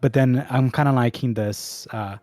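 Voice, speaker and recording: Guy playing a tabletop game, kinda feeling out his ideas as he talks, middling pitch, music low underneath. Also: steady tone, normal speed. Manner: hesitant, thinking aloud. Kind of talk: casual chat.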